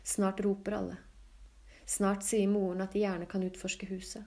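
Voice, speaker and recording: This is scripted literary narration from a woman reading an audiobook in a quiet, steady, understated manner.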